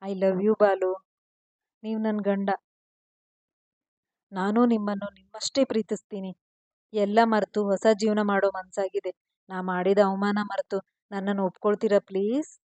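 A woman voicing a shy, affectionate young wife, speaking softly in a storybook reading. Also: medium pitch, little pitch movement, a little slow, pauses often, no room sound, lightly acted.

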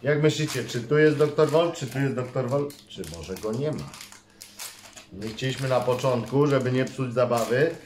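A man's voice: medium pitch, normal speed, a little mellow, a little hiss or hum. A man, a father hosting a toy unboxing video with his son, who talks to viewers and builds suspense with playful energy. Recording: echoey room.

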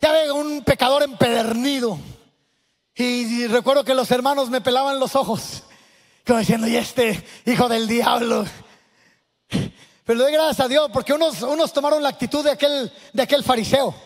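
A man's voice: very high-pitched, a little fast. Guy preaching in church, all fired up telling his story, echoey sanctuary. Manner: impassioned, animated storytelling with restarts. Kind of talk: sermon with personal testimony.

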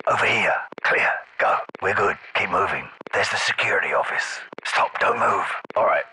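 A man playing a hard-bitten, impatient British special forces captain in a military shooter game, gravelly and husky, giving terse orders. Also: low voice, pushed and bright, a little hiss or hum, full character voice, rough recording. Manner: terse, commanding. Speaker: video game voice actor.

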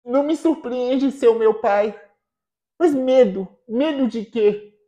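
A woman's voice: on the high side, slow pace, dark tone, pitched above the performer's own voice. A woman voicing a distraught young mother who fires urgent questions. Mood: angry.

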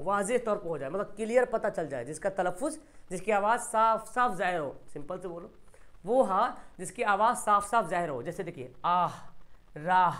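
A teacher running an exam-prep grammar lesson. The voice sits at an ordinary middle pitch. It moves in a steady question-and-answer rhythm, asking and then answering, with example words stretched out slowly. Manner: asks quiz questions and answers them, drawing out example words.

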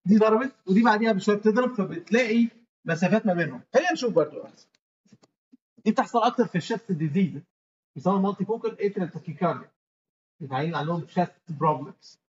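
A man's voice: high-pitched, lively intonation, very fast, lo-fi sound. A man with an Egyptian Arabic accent giving a medical lecture, walking students through each step and quizzing them as he goes.

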